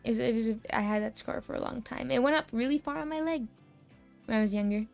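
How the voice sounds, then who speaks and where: A young American woman streaming a casual chat, telling stories in a lively way, laughing often and swearing freely. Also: on the high side, fast, gravelly, soft background music. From United States.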